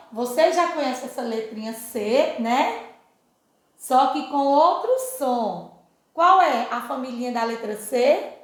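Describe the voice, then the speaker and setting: A woman teaching a children's phonics class with a Brazilian Portuguese accent. Her voice sits high and her pace is slow and deliberate, stretching syllables in a sing-song drill. She checks in constantly with the little ones, and the recording sounds heavily echoey, as if made in a bare room. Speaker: first-grade teacher.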